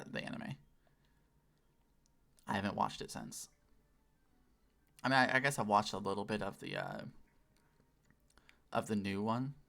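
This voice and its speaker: A man's voice: on the low side, creaky, a bit bright. A man in his late twenties chatting casually on a game livestream, putting on a customer service voice, sweary and self-deprecating. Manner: customer service voice, deliberately lifted. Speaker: game streamer. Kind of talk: casual livestream chat while playing.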